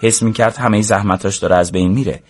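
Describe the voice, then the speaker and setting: A man narrating a storybook in an even, measured way. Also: on the low side.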